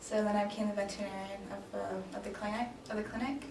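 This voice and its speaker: Speaking fast in a level, mid-range voice, the Danish woman, in her late twenties, improvises answers in a casual pretend job interview. She hesitates often, restarting and saying um a lot; the echoey room and distant mic add faint noise.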